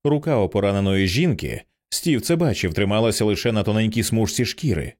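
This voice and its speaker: A man narrating an audiobook with an expressive, dramatic reading. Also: lowish voice, a little fast.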